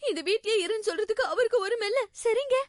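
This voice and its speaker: A young village woman, her voice very high and her words quick. She speaks reproachfully, close and dry, in a film scene. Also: no room sound. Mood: bitter. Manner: tearful, reproachful. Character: young unmarried village woman, hurt and proud.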